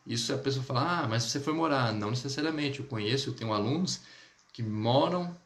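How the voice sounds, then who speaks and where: A chatty Brazilian man with a Brazilian Portuguese accent teaches French in a relaxed live online class. He repeats phrases slowly so listeners can practice along. His mid-pitched voice carries a roomy echo.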